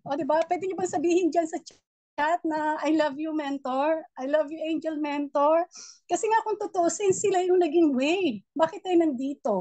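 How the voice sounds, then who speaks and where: A middle-aged woman gives a motivational training talk to her team. Her voice is naturally loud and fairly high, and she preaches encouragement in a steady flow. The sound is close and dry, with no room around it. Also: normal speed, dry recording. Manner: loud voice, warm and preachy, mixing English in. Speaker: network marketing mentor.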